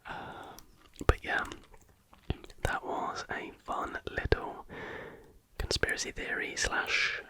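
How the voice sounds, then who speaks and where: The voice is a British ASMR host's slow whisper, rambling through friendly, conversational reactions in a soft and casual manner.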